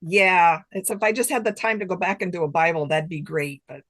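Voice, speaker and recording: A guest author, a woman with a lowish voice, talks a little fast on a dry recording. She chats casually in an interview, giggling often and animatedly quoting herself as she acts out imagined exchanges.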